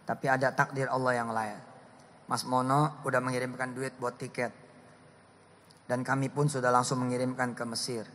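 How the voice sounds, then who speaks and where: A man preaching a lively sermon, swinging from loud bursts to hushed asides as he talks with his audience. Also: medium pitch, normal speed, slight background noise. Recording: hall reverb.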